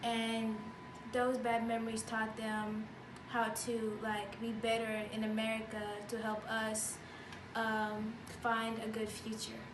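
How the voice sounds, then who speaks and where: Young woman from tanzania, hesitant soft answers, highish flat voice, echoey far mic. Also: slow pace. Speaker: interviewee. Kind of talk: casual interview answers. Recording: echoey room, distant mic, noisy.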